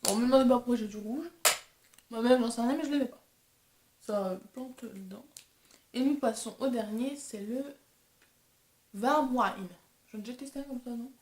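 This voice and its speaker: A woman's voice: a little high, moderate pace, long pauses, a little mellow, reverberant. A young woman vlogger chatting casually and self-deprecatingly while testing makeup. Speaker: beauty vlogger. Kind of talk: casual chat.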